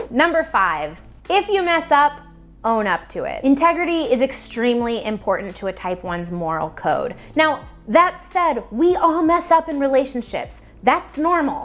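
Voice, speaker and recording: A young adult woman hosting her own video channel, explaining a topic in a casual, upbeat and emphatic way to camera. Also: fairly high pitch. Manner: upbeat, emphatic, playfully repetitive. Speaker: YouTube host.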